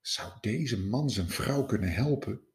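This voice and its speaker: A man narrating a fairy tale in an expressive storytelling manner. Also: lowish voice, unhurried. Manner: expressive, lively.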